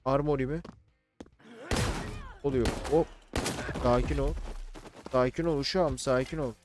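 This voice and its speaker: A young man casually commentating a let's-play, chatty and slangy, shouting and yelping when fights get heated. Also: mid-range voice, measured pace, background noise. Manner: excitable, shouts and yelps during fights. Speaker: gaming YouTuber. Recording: game music and gunfire behind.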